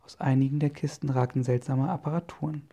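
A man narrating a children's adventure story in a steady storytelling manner. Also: medium pitch, brisk, creaky. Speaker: audiobook narrator.

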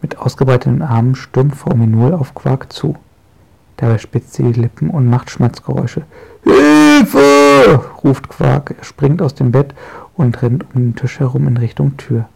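A man narrating a children's audiobook in a gentle, lively storytelling manner, with a gravelly, husky voice. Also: medium pitch, moderate pace, low-quality recording.

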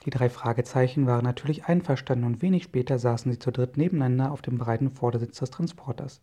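A man narrating a children's adventure story in a steady storytelling manner. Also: medium pitch, quick pace. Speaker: audiobook narrator.

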